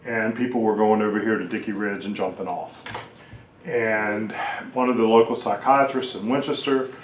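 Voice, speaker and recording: A man, an agency director, giving a measured presentation at a public meeting. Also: lowish voice, fairly even intonation, distant mic. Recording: echoey meeting room with faint hum.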